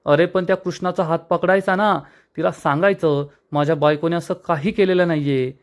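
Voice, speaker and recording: A man's voice: on the high side, steady tone, fairly quick, lightly acted. A man voicing a spiteful, scheming young woman from a TV serial, scolding and indignant. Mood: angry.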